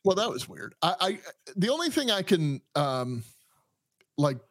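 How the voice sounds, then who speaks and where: A man hosting a podcast, commenting on a clip in a joking, halting way with many restarts. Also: sits high, sing-song, no echo. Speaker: podcast host, police officer.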